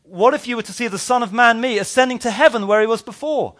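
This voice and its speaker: A man acting out a bold male religious teacher in a lively, exaggerated voice during a sermon. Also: high-pitched, brisk, voice pushed up. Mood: defiant. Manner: mock-apologetic one moment, brash and taunting the next.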